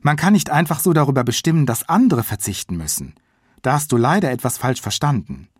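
An exasperated mother from a children's audiobook, voiced by a man reading his own book, breaking into high, sharp outbursts. The voice is husky and swoops widely in pitch. The sound is close and dry. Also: wildly swooping pitch, measured pace, no room sound, heavily acted. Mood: angry. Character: exasperated mother, shrill when upset.

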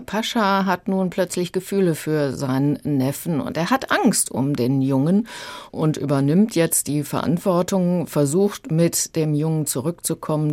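Low-voiced woman reading a radio review. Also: a little mellow, no echo. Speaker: book critic.

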